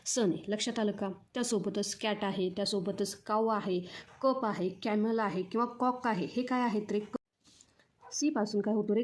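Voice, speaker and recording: A woman's voice: medium pitch, a little mellow. Marathi-accented woman teacher, patient drill style, asks and repeats. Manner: repetitive question-and-answer teaching. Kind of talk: children's phonics lesson.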